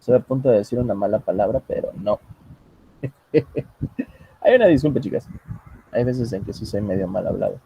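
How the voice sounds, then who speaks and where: A man's voice: lowish voice, animated, moderate pace, vocal fry, pauses often, mellow, highs cut off, slight background noise. A man teaching English over a video call, patient and joking, switching between English and Spanish. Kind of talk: online class, bilingual teaching. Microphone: computer mic on a video call.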